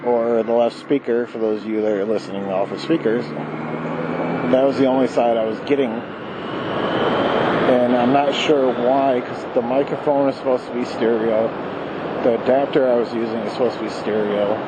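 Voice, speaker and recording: A man's voice: mid-range voice, fairly even intonation, moderate pace. A man talks casually and loosely to viewers from inside a motorcycle helmet while riding, rambling and correcting himself as he goes. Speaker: motorcycle vlogger. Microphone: wired mic in helmet to voice recorder. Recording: inside a helmet, loud wind and engine noise.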